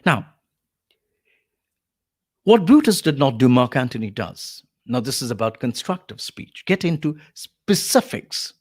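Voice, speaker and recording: A male voice artist giving a spoken lesson on vocal delivery, explaining in a lively way with quick asides. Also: medium pitch.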